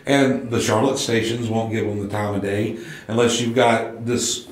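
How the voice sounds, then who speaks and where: A man's voice: fairly low pitch, fairly even intonation, moderate pace. A man with a Southern Appalachian accent telling anecdotes casually in an interview, folksy and plain-spoken. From southern United States. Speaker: local radio station owner being interviewed. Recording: echoey room.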